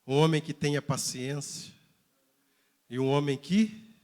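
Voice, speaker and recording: A male pastor from Brazil preaching a sermon in a repetitive cadence, swinging between shouted climaxes and hushed asides. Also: on the high side, measured pace. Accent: Brazilian Portuguese. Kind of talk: Pentecostal sermon.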